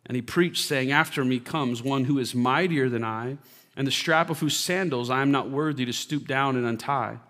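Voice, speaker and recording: A pastor reads scripture to his congregation during a live church service, lifting his voice on key phrases and softening for prayer. His mid-pitched male voice rings out with a long hall reverb. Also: normal speed. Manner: reads scripture aloud with rising emphasis, then prays softly. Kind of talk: sermon scripture reading and prayer.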